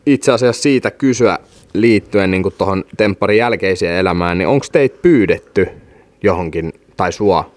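A man's voice: sits low, no echo. A man, a podcast co-host with a wry, teasing way of talking. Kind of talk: casual chat.

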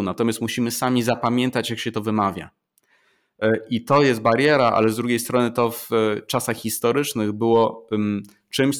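A middle-aged man, a professor, explaining in an interview in a measured way with examples, with frequent fillers and restarts. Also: mid-range voice. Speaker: professor of Chinese, interview guest.

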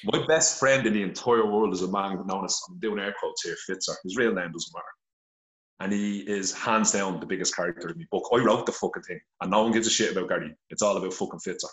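A fast-talking middle-aged man from Ireland shares his story on a podcast through a phone held to his face, candid, blunt and heavily profane. His low voice has a fairly bright tone, and the low-quality audio sounds like an echoey room.

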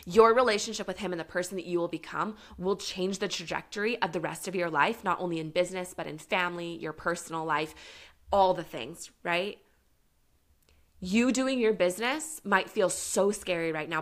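A woman's voice: fairly low pitch, a bit bright. Woman business coach doing a faith talk, earnest and encouraging, says like a lot. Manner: earnest, encouraging, filler-heavy with frequent "like"; acts out little quoted voices for herself and God. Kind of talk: faith-based motivational talk.

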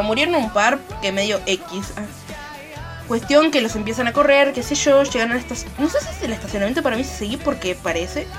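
A woman with an Argentine accent excitedly retelling and commenting on a series episode, acting out lines and gunshot sounds. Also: fairly high pitch. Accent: Argentine Spanish. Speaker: series reviewer. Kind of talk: casual recap and commentary.

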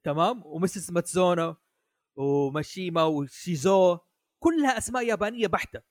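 Man, casual chat, fairly high pitch, dry sound, hesitant with restarts. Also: animated, fairly quick, no room sound. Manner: hesitant, many restarts, asks "حلو؟" often. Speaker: podcast guest. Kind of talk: casual chat about an anime.

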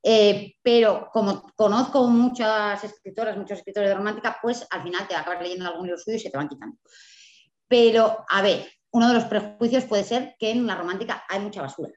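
A woman's voice: mid-range voice, a little fast, roomy sound, muffled recording. A woman, a novelist from Spain, telling stories in a casual interview and acting out the voices of people she quotes. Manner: animated storyteller, acts out quoted dialogue, laughs often. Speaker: guest novelist.

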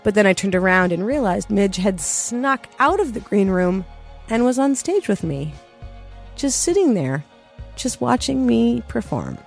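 A woman's voice: mid-range voice, very animated, a little slow, gravelly, faint music behind. A woman telling a personal story to an audience in an earnest, vivid way.

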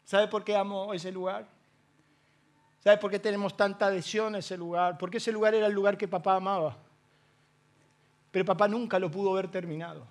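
Pastor guy, really high voice, emotional sermon storytelling, hushed then loud. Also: flat delivery, a little fast, pauses often.

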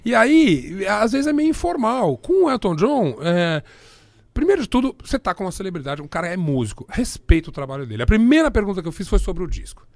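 Animated Brazilian man, lively high voice. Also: fairly quick, vocal fry, no echo. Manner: animated, laughs often, acts out quoted voices. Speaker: journalist. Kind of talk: anecdotal storytelling in a conversation.

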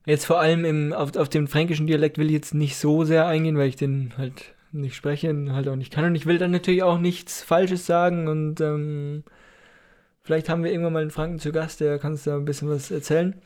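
Male podcast co-host, slightly raised pitch, hesitant explainer who teases his partner. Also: level tone, fairly quick, a little mellow. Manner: explanatory, hesitant with many fillers, teasing. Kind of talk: casual podcast chat.

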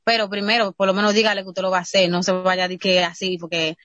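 A Dominican woman with a Dominican Spanish accent, co-hosting a podcast and telling stories in a lively, opinionated way. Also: mid-range voice, quick pace, no echo, muffled recording. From Dominican Republic. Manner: lively storyteller, acts out quotes. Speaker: podcast co-host. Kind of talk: casual discussion.

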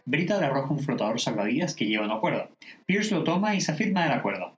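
A man casually narrating the scenes of a sitcom in a lively, amused way. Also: mid-range voice, fast talker.

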